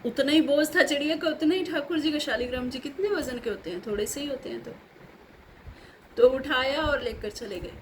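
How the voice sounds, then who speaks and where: A woman telling a devotional story as a sermon, in a lively way, acting out the dialogue. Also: sits high, normal speed, slight background noise, low-quality recording.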